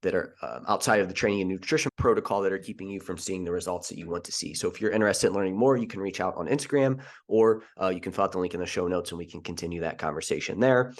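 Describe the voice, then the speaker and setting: Casting note: man in his thirties, low voice, brisk casual podcast host, rambling with fillers. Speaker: podcast host and fitness coach. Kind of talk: solo podcast monologue.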